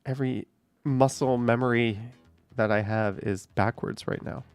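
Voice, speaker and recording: A man's voice: mid-range voice, fairly even intonation, a little slow, clean tone, faint music behind. A man in his thirties casually reading out and answering viewer comments on a live stream, with dry asides.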